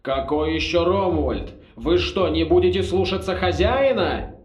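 A man's voice: fairly high pitch, expressive, roomy sound, lo-fi sound. A man voicing a suave villainous old sorcerer. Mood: menacing. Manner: slow, loud, menacingly polite. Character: suave scheming old male ex-rector sorcerer. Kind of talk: audiobook character voice.

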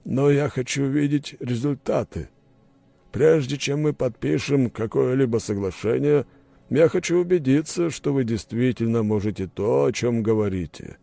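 A man voicing a calm, cold and dignified male count who speaks slowly. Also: medium pitch, creaky, dry recording, faint music behind, pitched above the performer's own voice, lightly acted. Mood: measured.

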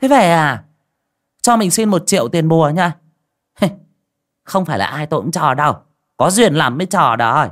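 A grasping old shaman woman, as a male narrator puts her on, scolds and curses. The voice sits high and loud above his own, with a sour, snapping bite in a spoken horror story. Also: lively intonation, moderate pace, long pauses. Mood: wheedling. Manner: sharp, scolding, curses freely. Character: greedy foul-mouthed old female village shaman.

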